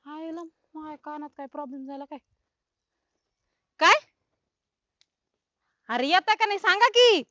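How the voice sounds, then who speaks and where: An actress playing a loud, bossy village woman who talks in a rustic, scolding way. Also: high voice, flat delivery, normal speed, long pauses, no echo. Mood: bossy, puzzled. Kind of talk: comic web film acting. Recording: dull, dry film sound.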